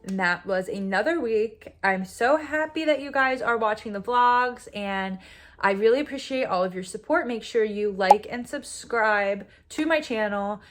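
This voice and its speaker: A woman's voice: fairly high pitch, normal speed. A woman in her twenties talking candidly over her vlog, reviewing a race she is disappointed with. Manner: candid, self-critical, conversational. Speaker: vlogger and runner.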